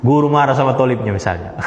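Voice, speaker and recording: A man teaching a religious study class to listeners in the room, lively and repeating his key phrases. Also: mid-range voice, fairly quick, echoey room, big-room sound, lo-fi sound, a little hiss or hum. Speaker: Islamic teacher. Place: study gathering with listeners present.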